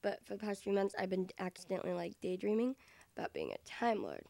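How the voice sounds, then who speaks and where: A woman's voice: medium pitch, huge pitch swings, fast, vocal fry, dark tone, no echo. A woman vlogging casually into a microphone, goofy and rambling with frequent self-interrupting asides. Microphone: desk microphone.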